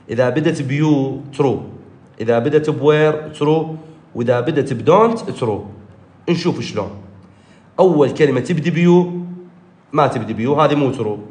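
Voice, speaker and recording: A male teacher with an Iraqi Arabic accent runs an exam review, hammering the same points over and over. His pitch leaps up when he stresses an answer. The room around him sounds echoey. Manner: repetitive, drilling key points, animated pitch jumps. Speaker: English teacher.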